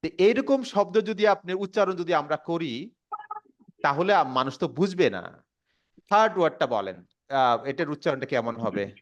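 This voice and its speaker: A man with a Bangladeshi accent teaching English pronunciation to a class, repeating words slowly and quizzing the students. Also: on the high side, lively intonation. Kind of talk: classroom lesson. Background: students responding.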